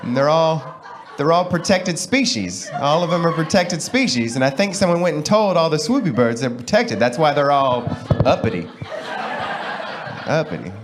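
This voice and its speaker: A man from Texas performing stand-up on stage, wry and chatty as he spins his stories. His voice sits a bit higher than most men's. The live room comes through with plenty of ambient noise. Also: lively intonation, moderate pace. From Texas, USA. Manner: wry, conversational storytelling. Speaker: stand-up comedian. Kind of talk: stand-up comedy set. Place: comedy stage at an arts centre.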